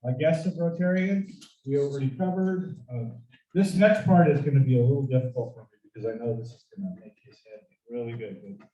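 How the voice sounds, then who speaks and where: A man's voice: mid-range voice, expressive, brisk, mellow, dull audio. A man presiding over a club meeting, speaking informally and with some jokes. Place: meeting room. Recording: roomy, distant with faint noise.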